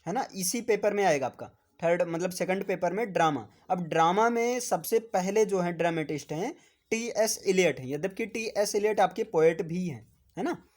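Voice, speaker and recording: A man's voice: sits high, moderate pace, darkish tone. A man with a Hindi accent giving a classroom lecture, repeatedly asking "है ना?" and spelling words out for his students. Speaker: teacher.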